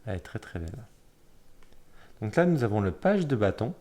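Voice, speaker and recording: A man casually flipping through a tarot deck, talking in a hesitant way with many fillers and self-corrections, often pausing to admire a card. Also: fairly low pitch, very animated. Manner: admiring, soft-spoken commentary.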